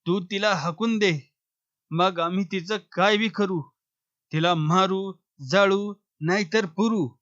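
A man's voice: high voice, slow pace, fairly bright tone, dry recording, highs cut off. A man voicing a cruel, menacing male relative in a storybook reading, speaking in a harsh, threatening way.

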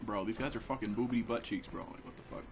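A young man streaming a shooter game, cursing constantly, yelling and complaining in loose casual commentary. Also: on the low side, fast talker, background noise. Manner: excitable, swears constantly, yells and complains.

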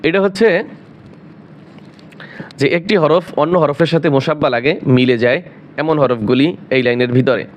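A man teaching Quran reading, slowly drilling letters and syllables in a patient, drawn-out recitation. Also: a little high. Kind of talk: slow spelling drill lesson.

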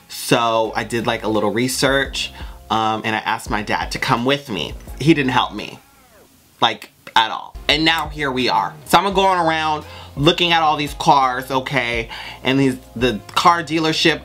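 A young adult American vlogger with an androgynous voice, telling a story in casual, sassy, animated chat with plenty of swearing. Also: medium pitch. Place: small bedroom, indoors. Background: background music.

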